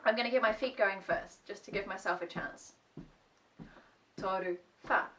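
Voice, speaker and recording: A woman's voice: mid-range voice, fairly quick, a bit bright. A woman music teacher leading a children's music lesson at home, playful, singing song lines between her spoken instructions. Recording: voice a little distant from the mic.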